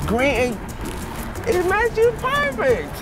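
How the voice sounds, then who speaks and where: A man's voice: very high voice, wildly swooping pitch, slow, heavy background noise. A young man playing a joking car salesman on an outdoor lot. He teases customers in slang and laughs a lot. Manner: laid-back, laughing, teasing slang. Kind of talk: playful comedic banter.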